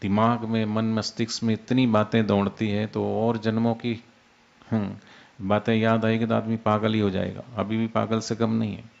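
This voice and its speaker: A man giving an unhurried devotional discourse as a spiritual teacher, explaining with everyday examples. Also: lowish voice, flat delivery, creaky, muffled recording. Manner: unhurried, explains with everyday examples, demonstrates soft and loud speech.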